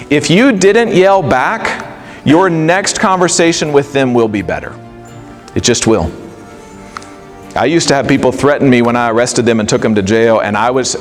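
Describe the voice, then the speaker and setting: Animated man giving a live talk. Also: mid-range voice. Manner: animated, conversational, acts out quoted dialogue. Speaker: speaker. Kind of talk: motivational talk to a live audience.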